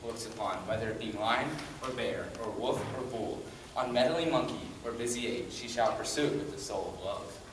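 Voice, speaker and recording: A man's voice: medium pitch, moderate pace, lightly acted. Guy doing a bossy jealous fairy king, declaiming lines, far off in a big echoey room. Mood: commanding. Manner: declaiming, stagey verse delivery. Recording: echoey hall, far mic, noisy.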